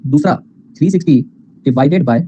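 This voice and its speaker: A man's voice: on the high side, a little slow, warm tone, slight background noise, poor audio. A man teaching accounting in a class lecture, mixing in English terms, calling students "beta" and asking questions he answers himself.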